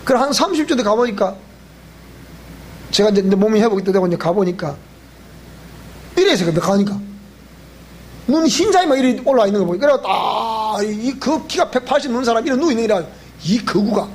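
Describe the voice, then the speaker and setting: Male pastor, Gyeongsang accent, lively storytelling sermon, faint hiss behind. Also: sits high, a little fast, pauses often. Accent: Gyeongsang Korean. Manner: animated, acts out dialogue, laughs often. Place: church sanctuary.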